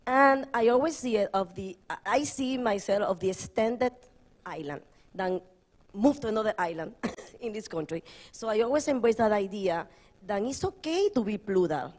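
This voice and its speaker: A woman from the Dominican Republic speaking as an artist on a panel, halting and searching for words, with Spanish phrases mixed in. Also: medium pitch, lively intonation, darkish tone. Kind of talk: panel talk.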